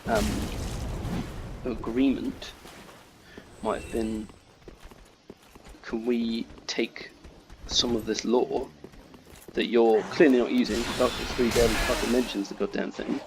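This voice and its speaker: A man chatting casually while playing a game, drifting off topic, swearing freely, and now and then yelling at enemies in sudden high bursts. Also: little pitch movement, slow pace, pauses often, noisy background. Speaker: gamer commentating his playthrough. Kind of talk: casual rambling gameplay commentary.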